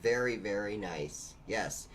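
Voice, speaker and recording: A man's voice: on the low side, takes it slowly, a bit bright, a little hiss or hum. A man hosting a live call-in show, upbeat and laughing often. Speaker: host. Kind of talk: casual live call-in chat.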